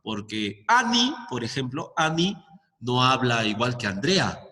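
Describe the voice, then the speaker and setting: Brief: male teacher giving a lesson, animated delivery, reverberant room sound. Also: mid-range voice, measured pace. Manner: checks in often with "¿ya?", explains step by step with examples. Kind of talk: explaining a lesson to students. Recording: long echoing reverb.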